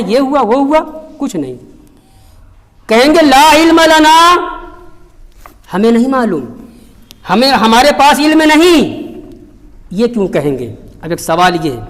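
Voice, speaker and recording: A man giving a Quran commentary sermon, reciting Arabic verses slowly and then explaining them with patient repetition. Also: extremely high pitch. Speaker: Islamic preacher. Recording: long hall reverb.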